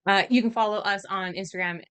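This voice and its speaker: A woman's voice: medium pitch, fairly even intonation, quick pace, fairly bright tone, smooth. A woman hosting a podcast, chatting casually in a rambling way full of fillers. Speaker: podcast host. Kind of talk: casual chat.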